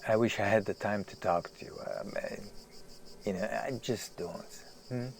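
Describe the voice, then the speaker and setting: In a naturalistic audio drama, an actor plays a famous male writer who is agitated, self-deprecating and obsessed with his work, halting and repeating himself. His voice is lowish and creaky, the mood apologetic and melancholy, with background noise.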